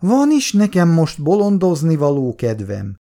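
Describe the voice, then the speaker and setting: A man's voice: mid-range voice, wildly swooping pitch, vocal fry, darkish tone, full character voice. A man voicing a worried middle-aged mother who frets, scolds and laments. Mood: fretful scolding. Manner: fretful, complaining and lamenting.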